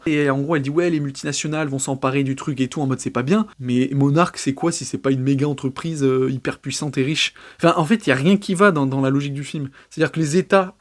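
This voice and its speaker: A young man giving a blunt, scathing film review in a casual monologue, full of fillers. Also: a little high. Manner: blunt and scathing, many fillers like genre and euh.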